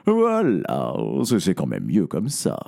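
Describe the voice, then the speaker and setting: A man's voice: low-pitched, huge pitch swings, slow, gravelly, darkish tone, slight background noise, full character voice. A man voicing a sly, mocking male sorcerer in a storybook, with a sneering, gloating delivery. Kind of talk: storybook read-aloud acting.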